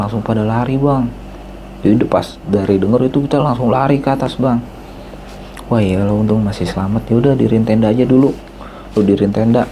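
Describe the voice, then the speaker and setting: A man tells a story in a loose, casual podcast chat. He acts out the dialogue lively, jumping up in pitch for the quoted voices. His tone is dark and mellow, with a faint hiss of noise behind.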